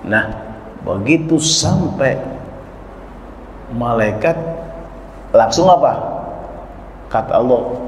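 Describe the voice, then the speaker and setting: A man's voice: medium pitch, takes it slowly, long pauses. Man preaching in an echoey hall. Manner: lively storytelling with acted quotes and chuckles. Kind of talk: sermon. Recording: echoey hall, dull lo-fi sound, faint noise.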